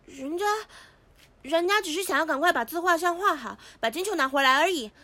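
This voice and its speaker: A woman's voice: extremely high pitch, lively intonation, a little fast, pushed and bright, no room sound, exaggerated voice. A woman voicing a shy, crybaby young princess girl in a cartoon, with a cutesy, whiny way of talking. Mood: pouting. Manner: cutesy, calls herself renjia, whiny. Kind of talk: cartoon voice acting.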